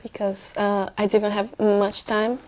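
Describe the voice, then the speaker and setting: A young woman from Brazil, an exam candidate speaking hesitantly with many fillers and pauses. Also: medium pitch, level tone, a little mellow. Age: young adult.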